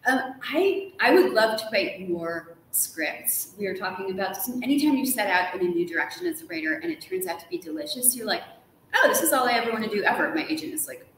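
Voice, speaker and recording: Speaking quickly in a slightly high, fairly bright, and very animated voice, a middle-aged woman chats as an interview guest. She's gushing and talkative, frequently using "like", in a casual conversation held in a big indoor hotel room, where echo and background noise fill the recording.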